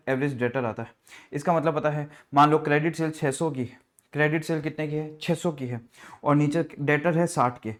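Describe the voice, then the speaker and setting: A man teaching an exam revision lecture in finance, firing questions and answering them himself in a playful, hyped-up way. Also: fairly high pitch. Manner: energetic call-and-response questioning; playful, hypes the students.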